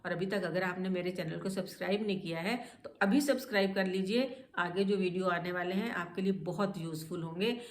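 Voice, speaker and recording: A woman teaching English pronunciation, spelling out letters and repeating words slowly. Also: on the low side, reverberant.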